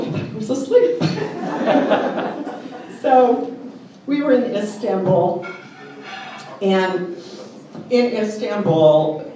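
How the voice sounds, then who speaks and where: A woman tells chatty stories and a joke at a memorial gathering, in an unhurried, mid-pitched voice. She sits well back from the mic, and her voice rings through a very reverberant hall over faint room ambience. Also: warm tone, slight background noise. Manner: chatty storyteller, joke-telling. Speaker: family member giving a tribute. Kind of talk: anecdotal memorial speech. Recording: very echoey hall, mic far off.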